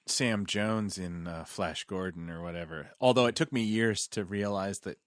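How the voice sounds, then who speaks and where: Rambling, deep-voiced male podcast co-host. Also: normal speed, no echo, studio quality. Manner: rambling, loose and enthusiastic. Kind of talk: casual chat about films.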